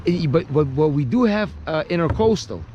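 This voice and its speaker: This man, a vlogger on a paddleboard, talks casually outdoors on the water in a Russian accent with a touch of Brooklyn, slow and reflective, with many restarts. His fairly high voice is expressive, the audio is dull, and there's a little hiss or hum.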